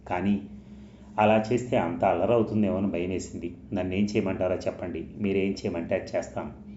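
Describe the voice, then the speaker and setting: A man's voice: low-pitched, fairly even intonation, brisk, dark tone, a little hiss or hum, natural voice. A man reading the part of a guilt-ridden young wife and mother who pleads through tears, in an echoey, dull recording. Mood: tearful pleading.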